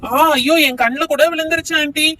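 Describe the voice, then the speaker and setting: A woman's voice: high-pitched, fairly quick, very noisy, close to an everyday voice. A woman with a Tamil accent voicing a cheeky, curious little boy who keeps calling aunty. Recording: dry distant mic.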